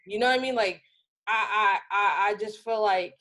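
A woman co-hosting a casual podcast at a middle pitch. She speaks heatedly and emphatically, often restarting her sentences as she pushes her point. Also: moderate pace, pushed and bright. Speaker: podcast co-host.

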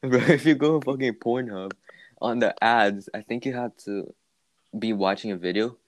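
A man in casual chat with a friend, telling stories in a relaxed way and laughing often. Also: mid-range voice, normal speed, no echo.

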